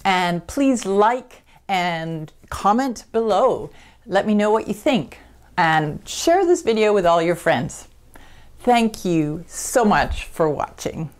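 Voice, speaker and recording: A middle-aged woman, a pastel artist, casually talking through a demo of art supplies, often dropping to a soft near-whisper as she shows things, then chatty and upbeat. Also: mid-range voice, big pitch swings, slow. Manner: soft-spoken, drops to near whisper while demonstrating.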